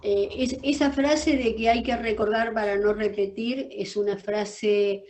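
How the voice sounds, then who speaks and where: A woman's voice: fairly high pitch, measured pace. Emphatic older woman with a Rioplatense accent. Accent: Rioplatense Spanish. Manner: emphatic, animated, repeats words when she restarts. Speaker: guest. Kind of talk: personal storytelling in an interview. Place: her office.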